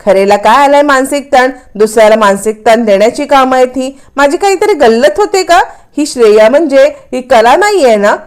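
A woman's voice: sits high, expressive, fairly quick, few pauses, clean tone. Woman narrator doing young husband, suspicious, self-questioning; storybook recap. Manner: questioning himself, doubtful.

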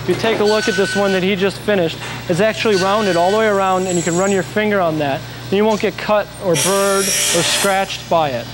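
A man with a fairly high voice walks through a factory, explaining each step of production in a plain, steady way. Machine noise hums clearly behind him on the shop floor. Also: brisk, few pauses. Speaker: factory guide explaining brush making. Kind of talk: on-site factory tour explanation.

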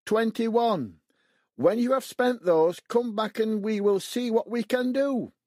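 An older man voicing a bored middle-aged benefits clerk who speaks in a slow, drawling monotone. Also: high-pitched, no echo, clean studio sound, voice pushed up. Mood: flat.

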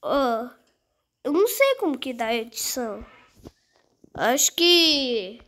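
A woman's voice: high-pitched, sing-song, takes it slowly, fairly bright tone. A young girl playing a game on her channel, talking to herself as she goes and easily startled. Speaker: gaming channel host. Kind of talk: casual gameplay commentary.

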